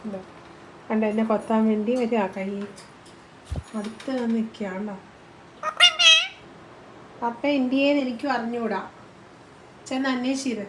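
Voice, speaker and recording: A woman's voice: on the high side, steady tone, moderate pace, pauses often, background noise. A woman from Kerala vlogging at home, talking to her pet parrot in coaxing, cooing baby talk. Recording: echoey room.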